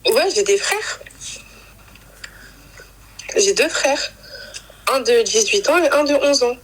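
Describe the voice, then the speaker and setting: A woman's voice: a little high, expressive, slow, husky, rough recording. A young woman casually telling a personal story, rambling with fillers and acting out quoted lines. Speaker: guest telling her story.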